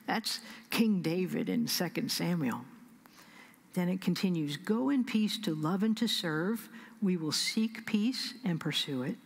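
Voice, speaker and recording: A middle-aged woman pastor with a Midwestern American accent, preaching a sermon at a pulpit microphone, measured and emphatic, with slow pauses and soft whispered asides. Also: lowish voice, animated, slightly rough. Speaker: senior pastor. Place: large church sanctuary. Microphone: pulpit stand mic. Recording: long church reverb.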